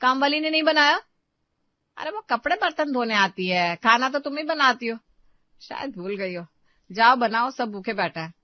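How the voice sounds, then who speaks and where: Brief: a woman playing a grumbling elderly mother-in-law, high and a bit loud, dry dull track. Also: animated, moderate pace, no echo, close to an everyday voice. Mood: chiding. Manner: chiding, complaining.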